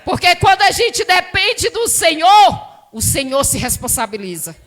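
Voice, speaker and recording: A woman preaching a fervent sermon, swinging from loud shouts to quiet low murmurs. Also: sing-song, normal speed, a faint crowd.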